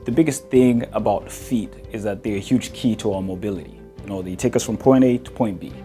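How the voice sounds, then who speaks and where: A man from Zimbabwe, a podiatrist, introducing himself earnestly, with frequent pauses and fillers. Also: on the low side. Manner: earnest, hesitant, many fillers. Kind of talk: introductory clip to camera. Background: soft guitar music.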